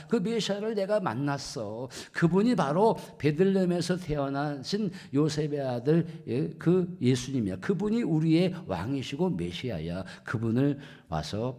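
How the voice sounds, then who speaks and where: A man's voice: on the high side, warm tone, pitched above the performer's own voice. A pastor playing an eager young man urging a friend to come and meet someone.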